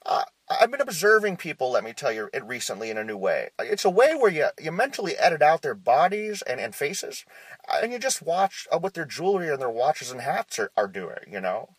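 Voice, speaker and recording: A man's voice: a little high, fairly quick, husky, no echo, rough recording. A man voicing a nervous, quirky male publisher who rambles and stammers through a phone voicemail message. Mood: nervous rambling. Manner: hesitant, stammering, full of uh's, oddly deadpan rambling. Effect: played back as a phone voicemail message.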